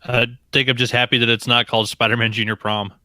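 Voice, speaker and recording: A man co-hosting a casual podcast, tossing in dry, deadpan remarks. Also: medium pitch, fast, dry recording. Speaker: podcast co-host.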